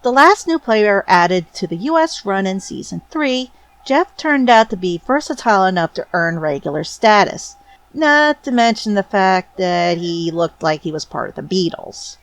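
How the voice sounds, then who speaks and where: Lively woman narrating fan commentary. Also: medium pitch, normal speed, dry recording. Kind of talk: scripted narration.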